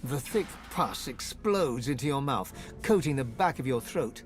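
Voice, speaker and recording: A man acting as a grave, ominous storyteller, narrating a dark fantasy video game with brooding drama. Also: medium pitch, expressive, unhurried, faint music behind, lightly acted.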